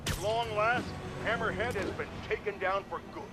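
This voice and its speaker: A man's voice: high voice, moderate pace, very noisy, lightly acted. An actor playing a blustering, pompous male talk-radio host who rants indignantly. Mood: indignant ranting.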